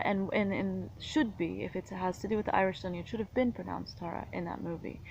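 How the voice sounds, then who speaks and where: Gravelly, indignant woman ranting. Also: on the low side. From United States. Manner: indignant, rambling, argumentative. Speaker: vlogger. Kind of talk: casual monologue to camera. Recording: dull lo-fi sound with faint background noise.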